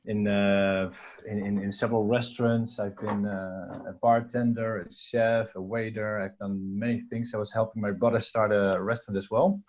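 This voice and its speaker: A man's voice: medium pitch, dull audio. A man from the Netherlands whose first language is Dutch, talking casually as an interview guest with many fillers and restarts.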